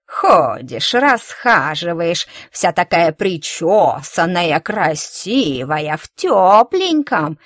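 A woman voicing a spiteful, toothless old woman who sells flowers, scolding in a slow, loud, drawn-out way. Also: fairly low pitch, very animated, dry recording, studio quality.

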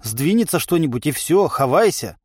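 A man's voice: fairly high pitch, big pitch swings, moderate pace, breathy edge, dry recording, clean studio sound. A man doing a nervous young cadet. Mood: worried. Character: anxious young male cadet.

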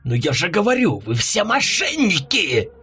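Audiobook demon, male, horned, shrill and furious, yelling accusations. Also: huge pitch swings, moderate pace, husky, soft background music, heavily acted. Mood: indignant shrieking. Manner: shrieking, indignant accusations.

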